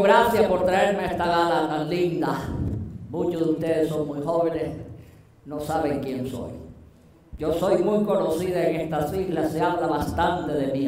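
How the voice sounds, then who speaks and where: A man's voice: a little high, natural voice. A man playing a brash, foul-mouthed old Cuban woman in her eighties with a Cuban accent, in a live stand-up character act. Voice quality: brassy, foul-mouthed and boastful. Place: live theatre stage with audience. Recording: echoey stage, far mic, music and crowd.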